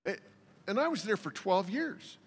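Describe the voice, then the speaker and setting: A man's voice: sits high, big pitch swings, normal speed, husky, in a large hall. An older man, a lead pastor, preaching a sermon in a folksy, joking storytelling manner. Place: church sanctuary.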